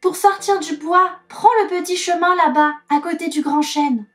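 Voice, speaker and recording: A woman voicing a little boy bear cub with a high, whining voice in a storybook reading. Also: fairly even intonation, moderate pace. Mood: eager.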